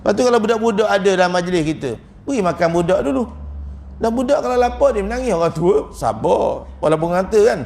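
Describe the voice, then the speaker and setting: Gravelly high-voiced Malaysian Malay preacher. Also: male voice, fast talker, slight background noise. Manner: joking, chuckles often, lively storytelling. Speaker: religious teacher. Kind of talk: humorous religious lecture.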